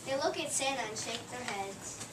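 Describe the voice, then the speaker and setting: A woman reads the stage directions of a play in a plain, steady way. Her high voice sounds distant in an echoey room, with noise behind it. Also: normal speed. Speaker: narrator.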